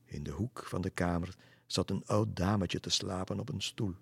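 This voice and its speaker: A man calmly reading a children's story aloud. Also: sits low, normal speed, creaky, breathy edge, dry recording.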